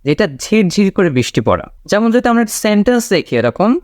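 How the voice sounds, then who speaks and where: A man with a fairly high voice gives a casual spoken lesson, explaining patiently and repeating each key word. He checks in often with his listeners. The sound is dry and close, with no room echo. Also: very animated, a little fast. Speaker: English teacher.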